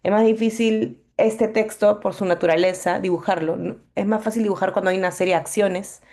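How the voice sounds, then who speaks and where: A woman's voice: mid-range voice, steady tone, fairly quick, darkish tone. A young woman teaching a Bible meditation workshop, explaining patiently with fillers and frequent checks that the class is following.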